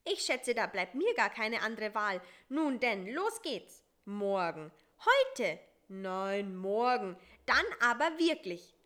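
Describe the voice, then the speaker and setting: Brief: woman playing a dozy, nervous male spider in a storybook, stubborn and know-it-all, a bit louder. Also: mid-range voice, very animated. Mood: sleepy. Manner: drowsy, slow and know-it-all.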